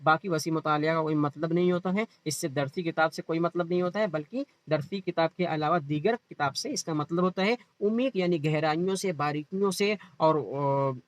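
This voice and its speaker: A man's voice: fairly high pitch, dry recording. Quizzing man teaching. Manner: explains by asking and answering his own questions. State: feeling unwell. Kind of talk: online exam-prep lecture.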